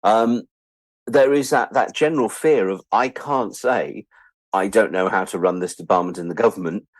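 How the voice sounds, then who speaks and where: A middle-aged man from England, speaking at normal speed in a lowish voice on a dry recording, chats reflectively as an interview guest. He's wry and self-deprecating, acting out imagined quotes.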